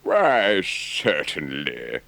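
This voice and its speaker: A man voicing a good-natured, worldly river rat in an audiobook, with a deliberate, emphatic gentlemanly drawl. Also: extremely low pitch, huge pitch swings, exaggerated voice. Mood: cheerful, fond. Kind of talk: audiobook character voice.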